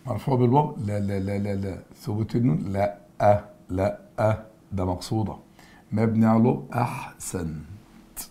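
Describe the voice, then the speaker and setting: A man's voice: fairly low pitch, fairly quick, warm tone. A man with an Egyptian Arabic accent teaching a recorded grammar review lesson. He drills answers through emphatic repetition and addresses students familiarly.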